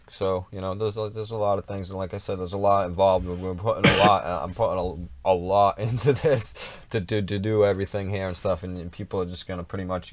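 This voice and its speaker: A man co-hosting a casual livestream, chatting in a rambling, repetitive way with plenty of swearing. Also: low-pitched. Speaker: livestream co-host.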